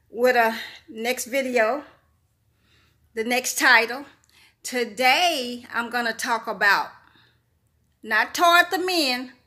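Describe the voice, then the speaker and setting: Bright high-voiced woman vlogger. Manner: preachy, repeats herself, talks straight to viewers. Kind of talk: casual monologue to camera.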